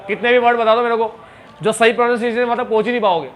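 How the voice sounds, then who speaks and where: A man's voice: very high voice, steady tone, very fast. A man teaching a class, chatty and joking, mixing Hindi and English terms. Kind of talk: classroom lecture.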